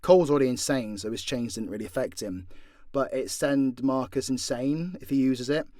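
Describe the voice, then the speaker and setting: Here a British man who does voice acting and content creation answers fans' questions in a loose, unscripted way, full of blunt jokes and swearing. His dark-toned voice is medium in pitch and moderately paced, captured in clean studio sound without echo.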